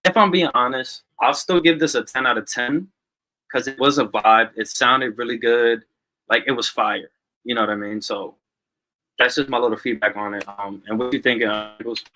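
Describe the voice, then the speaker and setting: Dude reviewing a song on a stream call, bright voice, super casual, lots of you know what im saying. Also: male voice, mid-range voice, steady tone, normal speed, rough recording. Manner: loose and chatty, leans on "you know what I'm saying". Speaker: music reviewer. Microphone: online call.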